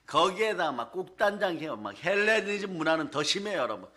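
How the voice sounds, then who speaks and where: Male pastor, sermon, emphatic and chatty, somewhat high voice. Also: very animated, fairly quick, pushed and bright. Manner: emphatic, colloquial, asks the congregation for responses.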